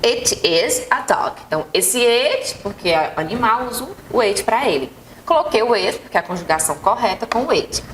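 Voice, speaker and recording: A woman's voice: a little high, expressive, fairly bright tone, reverberant, slight background noise. A Brazilian woman teaching an English lesson on TV, patient and repetitive, checking that students follow. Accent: Brazilian Portuguese. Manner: patient, repeats examples slowly, checks in with "tá bom?". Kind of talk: TV classroom lesson. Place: TV studio set.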